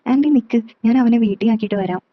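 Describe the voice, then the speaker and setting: A woman's voice: on the high side, quick pace, no echo, lightly acted. A woman voicing a cheeky young man. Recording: slightly dull, dry recording.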